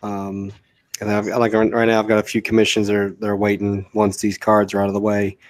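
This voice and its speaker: Flat, low-voiced male illustrator. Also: brisk. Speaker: guest illustrator. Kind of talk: casual chat.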